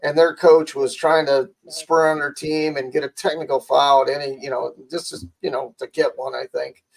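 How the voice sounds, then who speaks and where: Gravelly, slightly high-voiced man, chatty anecdote teller on a podcast. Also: flat delivery, normal speed, rough recording. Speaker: podcast co-host. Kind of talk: casual storytelling.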